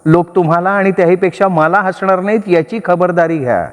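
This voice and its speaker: A man's voice: high voice, a little fast, voice pushed up, close to an everyday voice. A man voicing a suspicious middle-aged wife who nags and needles her husband. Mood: needling, accusing. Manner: sharp, needling, accusing. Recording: long reverb.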